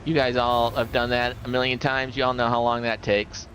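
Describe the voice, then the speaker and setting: A man's voice: mid-range voice, flat delivery, normal speed, a bit bright, a little hiss or hum, low-quality recording. A middle-aged man hosting a casual gaming livestream, rambling and chuckling as he tells stories. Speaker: livestream host.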